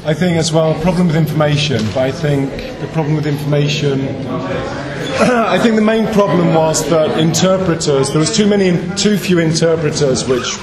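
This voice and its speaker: An English man, an interpreter, giving feedback in a group discussion, pausing with many ums as he thinks aloud. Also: fairly high pitch, crowd noise. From England. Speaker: conference interpreter.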